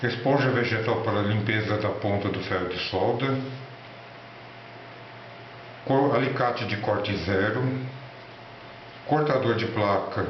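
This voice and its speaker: A Brazilian man with a lowish voice presents in an informal, instructional style, sometimes halting as he goes. The recording is quite echoey, with a faint layer of noise behind him. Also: highs cut off. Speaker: electronics hobby presenter. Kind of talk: informal tutorial narration and product showcase.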